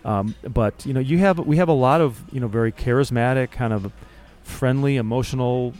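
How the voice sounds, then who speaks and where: A man's voice: mid-range voice, brisk, darkish tone. A man co-hosting a casual talk show, chatting and often repeating words as he thinks. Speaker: podcast co-host. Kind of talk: casual conversation.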